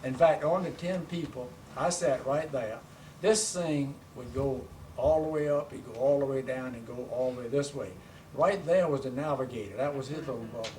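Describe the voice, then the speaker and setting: Elderly veteran remembering, distant noisy recording. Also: male voice, medium pitch, moderate pace, hardly any pauses, dark tone. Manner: old veteran remembering, plain-spoken. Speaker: war veteran, interviewee. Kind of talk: recollecting wartime service in conversation. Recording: noisy room, distant microphone.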